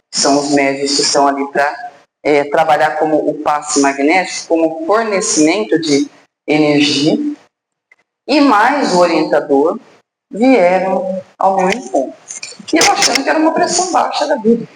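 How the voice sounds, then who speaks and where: A Brazilian woman giving a personal testimony talk at a spiritist center, telling her story dramatically, acting out dialogue and pausing for suspense. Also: on the low side. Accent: Brazilian Portuguese. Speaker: guest speaker at a spiritist center. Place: spiritist center hall, indoors. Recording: echoey room, faint background noise.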